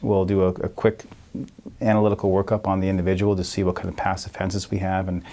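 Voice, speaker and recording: A man working as a police investigator, answering interview questions in a halting way with fillers and restarts. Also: low voice, flat delivery, dark tone, slight background noise.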